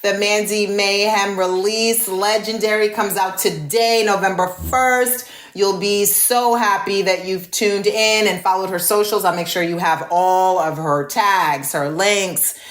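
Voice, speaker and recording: A woman's voice: mid-range voice, steady tone, unhurried, hardly any pauses. A woman hosting a podcast interview, effusive and calling her listeners "folks". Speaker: podcast host.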